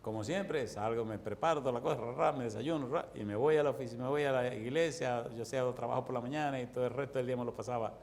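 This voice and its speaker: A man preaching as a pastor, telling a story with lively acted-out voices and bursts of laughter. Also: mid-range voice, fast, creaky, few pauses, a little hiss or hum. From Dominican Republic. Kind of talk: storytelling sermon.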